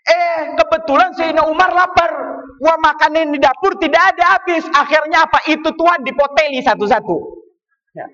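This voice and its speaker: A male preacher giving a lively religious lecture to a congregation, asking the audience questions and answering them himself in a playful way. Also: extremely high pitch, fairly quick. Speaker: Islamic preacher. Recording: echoey hall, far from the mic, dull sound.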